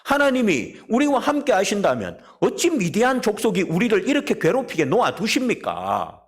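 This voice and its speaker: A man's voice: high voice, wildly swooping pitch, normal speed. A man, a preacher acting out the inner voice of a timid young man who doubts and protests. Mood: protesting. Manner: incredulous, self-pitying, protesting.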